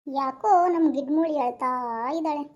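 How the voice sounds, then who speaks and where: A woman's voice: high voice, fairly even intonation, voice pushed down, natural voice. A young woman voicing a playful elderly father-in-law who teases and sings to his wife. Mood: teasing. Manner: teasing, sings to his wife in a drawn-out croon.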